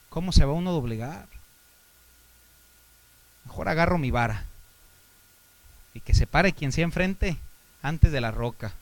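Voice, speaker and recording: A Mexican pastor preaching in a fairly high voice with a Mexican Spanish accent. He rises to loud exhortation, drops to quiet asides, and throws rhetorical questions at his listeners. The sound is dry and close, with little room echo. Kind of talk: sermon.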